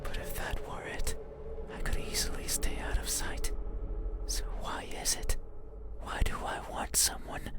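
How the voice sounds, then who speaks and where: A performer voicing a lonely, eerie demon that yearns to be seen, in a halting, earnest whispered role-play. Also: close to an everyday voice. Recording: whisper over loud music.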